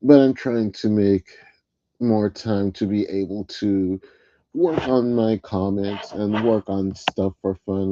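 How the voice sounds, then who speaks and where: A man with a slightly wheezy voice, recovering from bronchitis, rambles and corrects himself as he chats casually as a livestream host on an old headset. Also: on the low side. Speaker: livestream host, comic artist. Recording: dull headset audio with noise.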